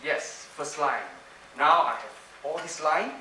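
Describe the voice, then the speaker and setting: A slow, sharp-toned voice on the high side belongs to a man doing a mind-reading trick in a playful, interactive conference talk. He coaxes the crowd and repeats phrases; the roomy hall, distant mic and background noise come through along with audience laughter and ambience.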